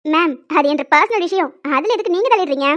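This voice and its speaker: Young college girl, defensive and pleading, very high quick voice, voiced by a woman. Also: expressive, fairly bright tone, dull audio.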